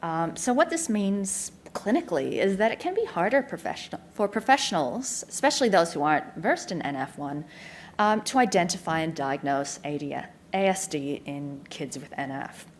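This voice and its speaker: An Australian woman giving a clear, informative conference presentation as a neuropsychologist, with frequent ums. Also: on the low side, animated, normal speed, a little hiss or hum. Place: community information day presentation.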